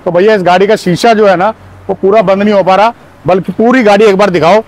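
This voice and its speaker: A middle-aged man with a fairly high voice pitches used cars with punchy energy, repeatedly calling his listeners "my brothers." He talks quickly, recorded outdoors on a car lot with a clip-on lapel mic; there's no echo, but the audio quality is poor.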